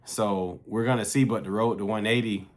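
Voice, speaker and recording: A man's voice: fairly low pitch, steady tone, moderate pace. A man in his late thirties talking casually to camera in a fitness vlog, loose and slangy with plenty of swearing. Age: 30s. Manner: loose, profane, slangy and conversational. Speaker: fitness vlogger.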